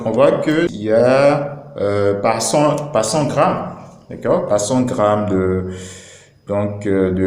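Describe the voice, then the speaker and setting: A man's voice: fairly low pitch, darkish tone. A man explaining a drink's nutrition label in a casual video talk, hesitant and full of fillers, often checking in with his viewers. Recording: echoey room.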